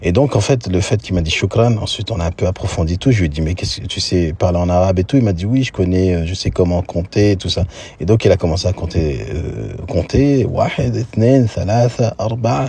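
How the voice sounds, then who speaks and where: A man with a very low, husky voice recounts a personal memory in a relaxed, conversational way. He talks thoughtfully and keeps pausing mid-sentence to find the right word. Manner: reflective, conversational, searching for words. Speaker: storyteller. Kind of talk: casual spoken storytelling.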